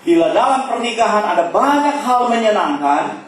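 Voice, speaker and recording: A man giving a humorous family sermon with lively, playful asides. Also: high-pitched, normal speed. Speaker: speaker at church family service. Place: church hall. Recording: echoey hall from far off with faint noise.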